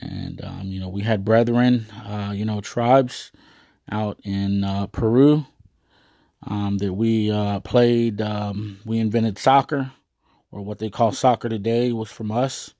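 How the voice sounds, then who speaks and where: A man's voice: fairly low pitch, creaky, mellow, dry recording, studio quality. A man giving a rambling, earnest monologue to his viewers, full of hesitations and fillers. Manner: earnest, proud.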